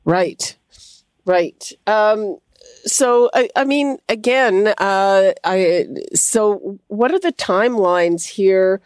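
A woman's voice: medium pitch, drawn-out words, darkish tone, clear, resonant tone, dry recording. A woman hosting a call-in radio show, talking with frequent fillers and restarts. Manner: hesitant, many fillers and restarts. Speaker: radio host.

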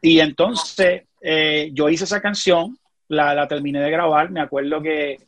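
A man's voice: on the high side, fairly even intonation, measured pace, a bit bright, no echo. A middle-aged man with a Puerto Rican accent, a guest telling a personal story in casual conversation, earnest and often checking in with the listener. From Puerto Rico.

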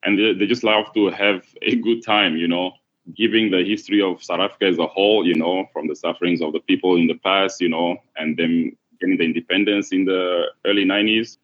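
A man from Congo, a podcast guest, talking in a relaxed, unhurried way with many fillers. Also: low-pitched. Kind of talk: casual interview. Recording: dull lo-fi sound.

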